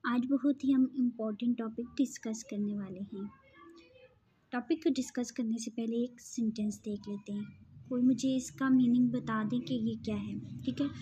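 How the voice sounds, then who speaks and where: A woman's voice: a little high, steady tone, normal speed, mellow, husky, poor audio. A woman giving an explanatory online grammar lesson as an English teacher, patiently repeating points and checking in with her listeners.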